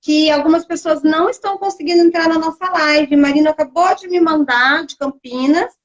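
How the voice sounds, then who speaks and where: Woman hosting a live chat, high voice, animated storyteller, dull lo-fi sound. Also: a little fast. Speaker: host of a live stream. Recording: dull lo-fi live stream audio.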